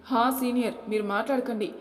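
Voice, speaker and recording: A woman voicing a steady, caring young woman. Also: fairly high pitch, brisk, natural voice. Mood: comforting. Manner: gently reassuring. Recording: echoey room, long reverb.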